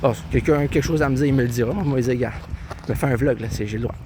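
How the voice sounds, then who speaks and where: A man's voice: medium pitch, racing, noisy background. A young man with a Québécois accent rambles cheerfully while walking a country trail, filming himself on a tablet held in his hand. His voice sits in a mid range and is easygoing and self-mocking. Faint outdoor ambience with birds and passing cars runs behind him. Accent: Québécois French. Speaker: vlogger. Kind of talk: casual walking vlog. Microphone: handheld tablet camera.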